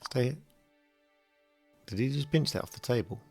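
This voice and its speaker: A man's voice: medium pitch, lively intonation, moderate pace, vocal fry, a little mellow, soft background music. A man giving offhand, joking commentary while playing through a video game. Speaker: let's play gamer. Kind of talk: casual gameplay commentary.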